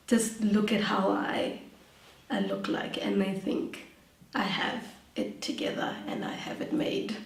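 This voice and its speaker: Soft-spoken young South African woman, giggly. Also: on the high side, vocal fry. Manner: soft-spoken, giggly, hesitant with many ums. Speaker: interviewee, nail tech. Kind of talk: casual interview. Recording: echoey room, voice from a distance.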